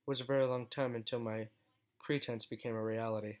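A man reads a fan story aloud in steady first-person narration. His voice sits at an ordinary middle pitch. Now and then he stumbles over a word and corrects himself. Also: fast. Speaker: fan fiction reader.

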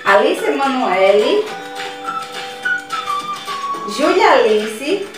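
A woman with a Brazilian Portuguese accent, a primary school teacher giving a recorded class to children, explaining slowly and repeating words syllable by syllable. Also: high voice, sing-song, music in the background. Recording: very echoey room, voice from far off.

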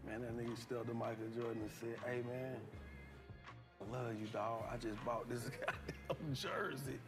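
A man's voice: medium pitch, steady tone, moderate pace, over music. A man telling a long, profane anecdote in casual talk, laughing often. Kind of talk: casual storytelling.

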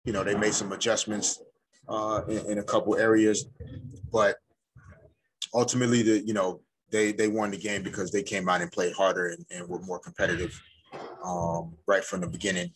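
A middle-aged male coach speaks in a low, husky voice. He answers reporters after a game, measured and thoughtful, and he often pauses mid-sentence. He talks into a desk mic in a press room. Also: little pitch movement. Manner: measured, thoughtful, often pausing to find words. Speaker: head coach. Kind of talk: postgame press conference answers. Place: indoor press room before a sponsor backdrop. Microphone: desk microphone in front of him.

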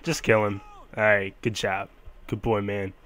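A man playing a mafia boss who threatens in a casual, halting, offhand way, in an amateur game role-play. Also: lowish voice, level tone, fairly bright tone. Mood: offhand commanding. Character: casually menacing male mafia boss hunting his money.

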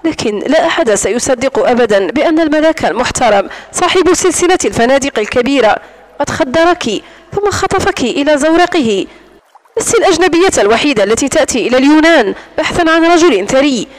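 A domineering wealthy man who sneers and taunts, voiced by a woman narrating an audiobook. He speaks coldly and controllingly, and the voice stays quite high. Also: expressive, quick pace, poor audio. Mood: mocking. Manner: mocking, cold and controlling.

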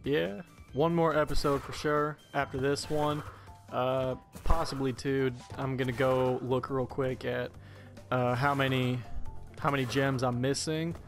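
A man's voice: mid-range voice, flat delivery, a little slow, faint music behind. A young man doing jokey, rambling let's-play commentary as channel host.

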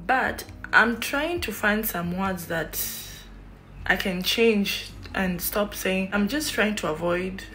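A young Kenyan woman with a Kenyan accent chats slowly to her phone camera, held at arm's length, in a small room, her voice medium-pitched with faint music behind. A YouTuber doing casual vlog talk, she rambles chattily, using lots of fillers and animated hand gestures.

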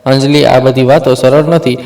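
Male narrator doing a frail poisoned husband, quiet and tired, flat delivery, storybook read. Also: mid-range voice, normal speed, lightly acted. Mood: weary. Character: weak, poisoned village man, tender.

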